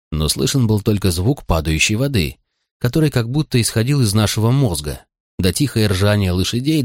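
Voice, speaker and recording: A man reading a novel aloud in an expressive first-person storytelling manner. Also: on the low side, no echo, clean studio sound. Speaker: audiobook narrator. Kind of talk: scripted narration of a novel.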